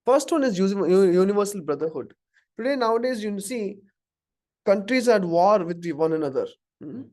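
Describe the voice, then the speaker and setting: A man's voice: sits high, animated, normal speed, darkish tone. Indian-accented male teacher, chatty lecture to a small live audience. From Karnataka, India. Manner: conversational, asks the audience questions, chuckles at own examples. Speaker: spiritual teacher. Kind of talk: informal scripture class talk.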